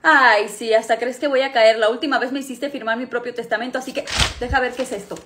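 Woman, high voice, suspicious mom in a comedy skit. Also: steady tone, quick pace, a bit bright, a little hiss or hum. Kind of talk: comic skit acting.

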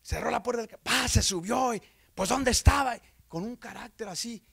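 A man preaching an evangelical sermon, swinging from loud exclamations to hushed storytelling, with repeated phrases and calls of amen. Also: very high voice, fairly quick, vocal fry, slightly rough. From Texas, USA. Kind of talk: Spanish-language sermon.

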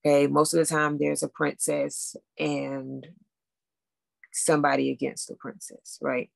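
A woman coach leads a live masterclass over a video call, her voice low and heavily gravelly with a husky edge. She talks casually and upbeat, checking in with listeners again and again. The sound is dry and close. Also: flat delivery, a little slow, no echo. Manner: casual, upbeat, addresses listeners directly with frequent "okay?". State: out of breath after running upstairs. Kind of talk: live online masterclass teaching.

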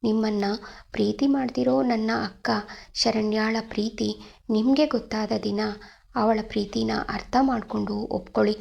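An eager, playful young man, as a woman storyteller puts him on, with a gravelly creaky edge and a fairly high voice. He sounds keen and pleading, like a kid brother in a storybook. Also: steady tone, normal speed, a little mellow, dull audio.

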